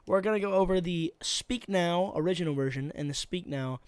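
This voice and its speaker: A man's voice: high voice, fairly quick, clear, resonant tone, no echo. A tired young man co-hosting a casual chat, rambling and swearing with lots of fillers. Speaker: co-host.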